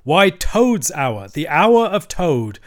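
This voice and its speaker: Man doing a stern old badger, slow and serious, bossy. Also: on the high side, big pitch swings, voice pushed up. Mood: solemn. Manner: grave, deliberate and firm. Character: stern, solemn old male badger, commanding.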